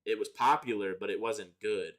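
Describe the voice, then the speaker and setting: Answering his viewers on a livestream, this young guy talks casually, full of slang, swearing, and strong opinions. He speaks at normal speed in a lowish voice with a fairly bright tone.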